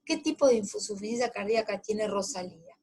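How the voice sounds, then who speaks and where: Woman, medical lecturer, clear explanatory delivery that speaks straight to the students. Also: medium pitch, a little fast, darkish tone. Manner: explanatory, addresses students directly with reminders. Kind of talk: clinical case lecture.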